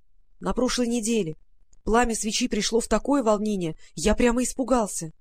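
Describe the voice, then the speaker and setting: A woman reading an audiobook, voicing a calm, earnest male fairy-tale friend who explains a worrying trouble. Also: on the high side, normal speed, natural voice.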